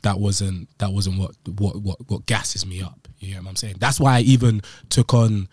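A man's voice: fairly low pitch, fairly even intonation, normal speed, a little mellow, breathy edge, no room sound. A man in his late twenties with a London accent and roadman slang delivery, chatting casually as an interviewed video editor. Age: late 20s.

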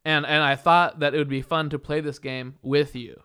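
A man's voice: fairly high pitch, steady tone, normal speed, bright, forceful tone, clear, resonant tone. A man hosting a comedy podcast, chatting casually and rambling while explaining a game. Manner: rambling, restarts, laughs often. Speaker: podcast host.

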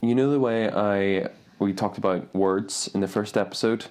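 A man co-hosting a podcast, chatting casually and teasing his friend with playful, drawn-out remarks. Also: on the low side, fairly even intonation, over music. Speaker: podcast co-host. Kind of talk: casual banter.

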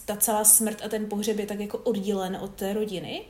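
Woman co-host, relaxed chatty musing, reverberant room. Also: mid-range voice. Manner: thoughtful, musing, many fillers. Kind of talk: casual chat.

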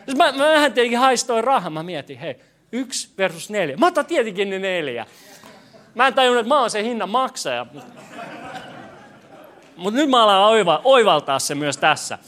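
A man's voice: sits high, big pitch swings, pauses often, fairly bright tone. A young man preaching a sermon to a congregation, joking, asking questions and stumbling over his words. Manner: joking, self-deprecating, stammers and restarts. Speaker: pastor. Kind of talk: lively sermon with audience questions. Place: church hall with congregation.

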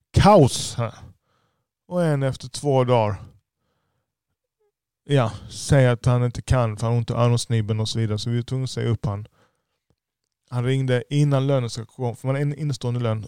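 A business owner with a lisp, giving a blunt, profane podcast monologue. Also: male voice, mid-range voice, dark tone, clean tone, no room sound, studio quality.

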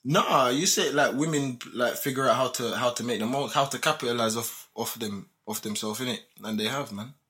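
Male podcast speaker, London roadman accent, forceful tone, mid-pitched, argues in casual slang, often checking he's understood. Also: brisk, few pauses. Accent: London roadman, multicultural street English. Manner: repeats tag questions and checks he is understood. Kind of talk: casual debating chat in London street slang.

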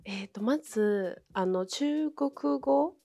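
A young woman from Inner Mongolia, China, a former international student whose first language is Chinese, answers interview questions politely as a guest, with many hesitant fillers. Her mid-range voice is expressive and dark-toned, slow-paced, with no room sound.

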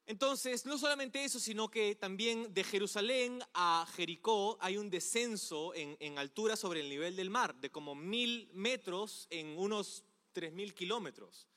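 A man's voice: high voice, a little slow, sharp tone. A male pastor giving a conversational sermon, often asking the audience rhetorical questions. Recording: long hall reverb.

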